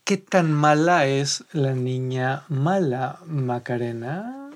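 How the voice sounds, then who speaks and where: Excitable teasing male interviewer. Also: mid-range voice, takes it slowly. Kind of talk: playful interview.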